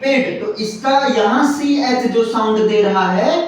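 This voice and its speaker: A man with an extremely high voice teaches a grammar lesson at a slow pace. Students answer together as he repeats points, spells out words letter by letter, and often checks that they follow. The sound is very echoey and distant, with slight background noise.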